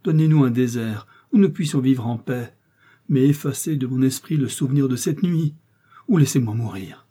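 A man's voice: mid-range voice, steady tone, normal speed, mellow, husky, close to an everyday voice. Man doing a desperate guilt-ridden man. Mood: pleading. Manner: pleading, anguished. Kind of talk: audiobook reading.

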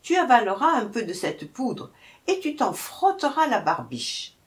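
A kindly old woman, as a woman voices her, pitched a little higher and speaking slowly and gently to calm a frightened creature. Her tone is reassuring and soft in this storybook tale. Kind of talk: storybook reading.

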